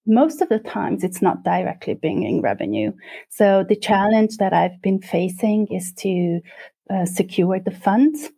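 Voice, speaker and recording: A woman in her forties with a Hungarian accent, a guest explaining her work in a measured way with thoughtful pauses. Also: medium pitch, lively intonation, creaky, mellow, slightly rough. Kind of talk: interview.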